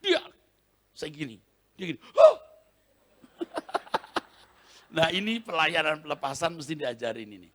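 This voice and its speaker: A male pastor preaching a sermon with animated storytelling, often laughing and acting out scenes, in a convention hall. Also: a little high, brisk. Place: large convention hall, Christmas service.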